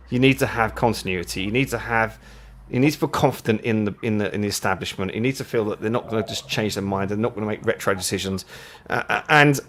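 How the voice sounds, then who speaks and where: A UK man co-hosts a casual live chat, rambling and repeating words as he hunts for his point. His voice is fairly low in pitch with a fairly bright tone.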